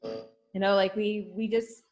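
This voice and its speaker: A woman's voice: mid-range voice, level tone, normal speed, a little mellow, faint music behind, low-quality recording. A middle-aged woman doing dry stand-up comedy over a video call, with lots of laughing and filler words. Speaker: comedian guest.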